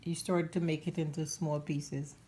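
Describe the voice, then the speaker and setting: Cooking show host, woman, slightly sick voice, relaxed chatty delivery, recorded in a noisy home kitchen. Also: low-pitched, moderate pace. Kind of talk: casual cooking demonstration. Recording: clattering kitchen noise behind. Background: pots, dishes and cutlery.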